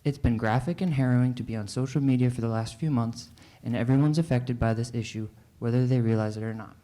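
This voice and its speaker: A man from New Hampshire reads a steady, earnest statement during public comment at a city board meeting. His voice is mellow and dark, at a middling pitch. It is recorded in a council meeting room. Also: fast talker.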